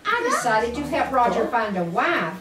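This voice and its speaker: Taking her time over each phrase, an older woman reads a children's story aloud in a highish, very animated voice, expressive and deliberate, turning aside now and then to speak fondly to her young listeners. The recording is very noisy, echoey and distant, with music clearly audible underneath.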